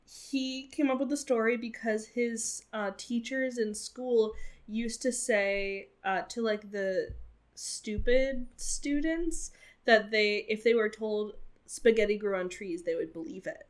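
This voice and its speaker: A woman's voice: on the high side, slow. Woman on a podcast, chatty, lots of ums and laughs, telling a story. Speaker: podcast co-host. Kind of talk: casual chat.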